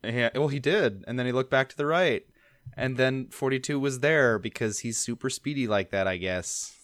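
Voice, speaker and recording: A man's voice: medium pitch, normal speed, fairly bright tone, dry recording, clean studio sound. A man co-hosting a podcast, recapping an episode in casual chat with hesitant fillers. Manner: recaps plot with hesitant fillers and quoted lines. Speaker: podcast co-host recapping an anime.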